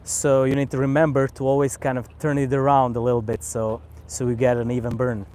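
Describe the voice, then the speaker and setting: Croatian man chatting casually outdoors. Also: mid-range voice. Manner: relaxed, unhurried, repeats words while thinking. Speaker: cigar channel host. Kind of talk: casual live-stream chat. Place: outdoors on a vacation island by the sea.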